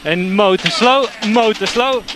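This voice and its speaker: A man, a race engineer, relaying lap times to a driver in calm, terse lines over team radio. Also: high voice, unhurried, background noise.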